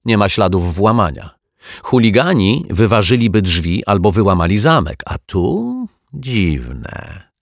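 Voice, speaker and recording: A man reading a children's detective story, voicing a calm, clever detective who sets out his deductions in a measured way. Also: lowish voice, vocal fry, no echo, studio quality, pitched above the performer's own voice, full character voice. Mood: reasoning.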